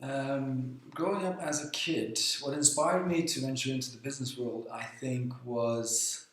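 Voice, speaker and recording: A man's voice: mid-range voice, a little slow. Swedish-born man, very echoey room. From Sweden. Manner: relaxed and friendly, with frequent ums. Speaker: guest, founder of a talent accelerator. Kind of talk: casual interview talk.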